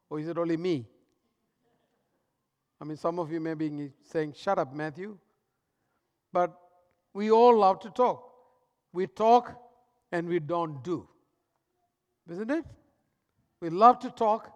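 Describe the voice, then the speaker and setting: A man preaching a sermon as pastor, swinging between loud emphatic lines and hushed, soft ones. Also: high voice, long reverb tail.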